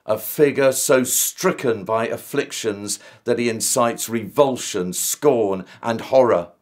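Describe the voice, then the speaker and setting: Slow, solemn man reading a reflection. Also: mid-range voice, a little mellow. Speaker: Methodist minister. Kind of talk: scripted devotional reflection.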